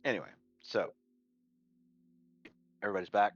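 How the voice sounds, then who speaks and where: A man running a tabletop game as game master, explaining rules in a calm, matter-of-fact way over voice chat. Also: on the low side, normal speed, distant mic, dull audio, soft background music. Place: online voice chat.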